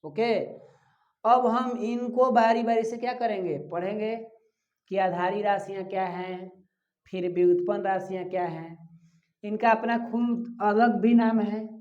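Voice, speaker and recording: A man's voice: high voice, steady tone, measured pace, a little mellow. A male physics teacher, giving a classroom-style lecture and asking questions he then answers himself while repeating key terms. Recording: echoey room, dull lo-fi sound.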